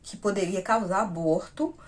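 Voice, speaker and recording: A woman's voice: mid-range voice, normal speed. Chatty woman vlogger telling a story. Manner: chatty, acts out the dialogue she retells; talks straight to viewers as "gente". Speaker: vlogger sharing personal news. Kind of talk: casual personal storytelling.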